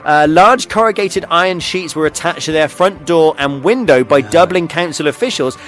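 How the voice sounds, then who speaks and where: A man's voice: on the high side, normal speed, a bit bright, soft background music. A man hosting a local radio show, reading out odd news stories in a casual, joking way with frequent chuckles and ums. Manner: chuckles often, lots of ums and uhs. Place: radio studio.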